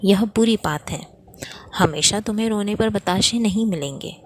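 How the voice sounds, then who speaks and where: A woman's voice: mid-range voice, normal speed, husky, natural voice. Woman reading as a stern scolding night queen. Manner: scolding, commanding. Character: stern female night queen judging children.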